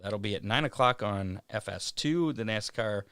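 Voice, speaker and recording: A man hosting a racing show, reading event schedules in a casual way with many "uh" pauses. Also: lowish voice, fairly bright tone, smooth, dry recording, studio quality. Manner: reads schedules with frequent "uh" pauses. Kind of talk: casual racing news rundown.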